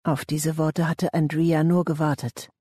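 A man reading a thriller audiobook in a measured, tense storytelling manner. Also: a little high, level tone, dark tone, slightly rough, no echo, studio quality. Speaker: audiobook narrator. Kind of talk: scripted thriller narration.

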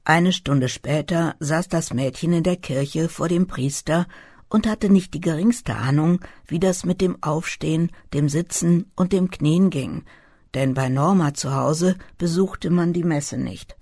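An audiobook narrator reading a literary novel in a calm, measured storytelling manner. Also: medium pitch, husky, dry recording, studio quality.

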